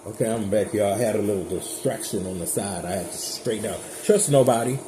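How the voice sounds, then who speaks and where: Casual male tarot reader, lowish voice, blunt and chatty, echoey room with noise behind. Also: fairly quick. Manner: chatty, blunt and profane, talks straight to viewers. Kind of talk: casual tarot reading to viewers.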